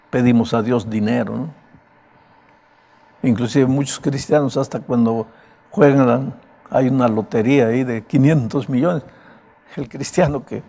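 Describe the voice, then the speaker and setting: A man preaching a sermon sounds hoarse and broken, pressing his points in a conversational manner. His pitch is medium and his tone leans darkish.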